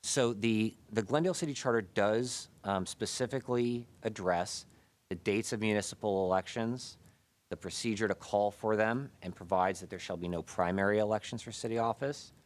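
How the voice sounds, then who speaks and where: An American man, probably in his thirties, gives a formal, measured presentation at a public meeting, his voice muffled by a face mask. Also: on the low side. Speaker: city staff presenter reporting to a committee. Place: indoor city committee meeting room.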